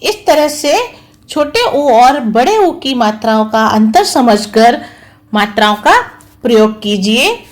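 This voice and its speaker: Woman schoolteacher for a children's online class; high, animated voice, slow, patient, spells out every syllable. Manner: slow, careful, spelling out each sound and syllable; patient, repeats each word twice. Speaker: school teacher. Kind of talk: online Hindi lesson for young children.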